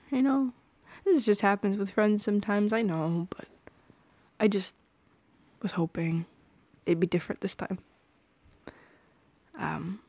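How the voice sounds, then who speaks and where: Speaking right into a close microphone, a young woman whose first language is Polish acts out an intimate ASMR roleplay. She is soft-spoken, slow, and hesitant, frequently dropping to a whisper, and her medium-pitched voice is recorded dry.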